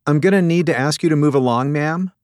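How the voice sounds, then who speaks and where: A man voicing a pert young female museum docent who talks high, breathless and urgent. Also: quick pace, darkish tone, no room sound, clean studio sound, close to an everyday voice. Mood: polite firm.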